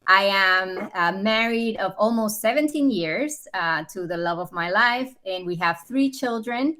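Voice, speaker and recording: A woman's voice: medium pitch, animated, a little slow, bright, forceful tone. A woman in her forties from the Dominican Republic, raised in New York, sharing her story as a podcast guest in an earnest, upbeat way. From Dominican Republic, raised in New York City. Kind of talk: conversational interview.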